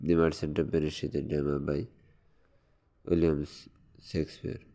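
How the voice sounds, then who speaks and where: Speaking in a mellow bass with flat delivery, a man gives an exam-prep lesson. He reads the quiz questions slowly, one after another, supplies the answers, and tosses in quick explanatory asides amid hesitations and fillers.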